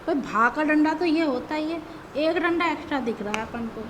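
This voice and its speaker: A woman's voice: high-pitched, brisk, noisy background. A woman teacher explaining grammar step by step, patient, who often checks in with her students as she goes.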